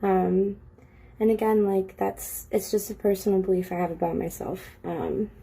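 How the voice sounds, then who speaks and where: A woman in a confessional video, speaking earnestly and hesitantly with many pauses. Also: mid-range voice, steady tone, creaky, mellow, husky.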